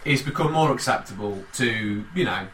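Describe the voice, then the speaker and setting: Animated, swearing man, echoey room. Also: medium pitch, normal speed, far from the mic, slight background noise. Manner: animated, rambling, heavy swearing. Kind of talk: casual banter. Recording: echoey room, off-mic, faint ambience.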